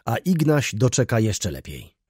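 A man voicing a calm, steadfast dying father. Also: medium pitch, a little slow, slightly rough, no room sound, clean studio sound. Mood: confident. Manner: calm, quiet. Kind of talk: audiobook character reading.

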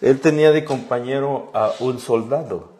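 A man who is a pastor co-hosting a faith-based talk show, reading verses slowly and telling folksy family anecdotes, often stopping to correct himself. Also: medium pitch, dark tone, slight background noise. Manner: rambling storyteller, self-correcting. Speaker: pastor, radio co-host.

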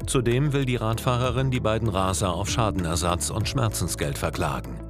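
A man's voice: on the low side, normal speed. A man reading scripted narration for a television documentary. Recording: loud music under the voice. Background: background music.

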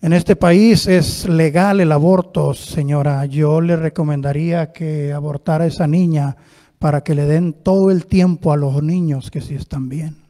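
A man voicing a male doctor who gives grave news in a slow, solemn, raised voice. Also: a little high, steady tone, dark tone, big-room sound, lightly acted.

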